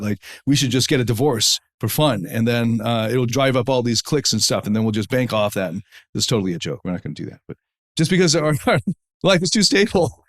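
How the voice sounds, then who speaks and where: This solo podcast host, whose voice is lowered by a lingering head cold, talks in a preachy, earnest manner. His monologue runs on in lengthy lists, and the sound echoes because he's in a room on the road.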